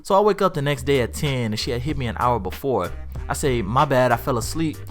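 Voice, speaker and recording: Guy hyped up reading a crazy story out loud, voice jumps all over, a little music under it. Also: brisk. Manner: lively, swings from low to high and loud when excited. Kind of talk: animated reading of a funny online story. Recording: faint music behind.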